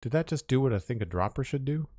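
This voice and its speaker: Chatting with his audience during play, a young Nova Scotian streamer with a Canadian Maritime accent rambles and counts out loud. He talks fast, in a mid-range, dark-toned voice with lively intonation, captured dry at studio quality.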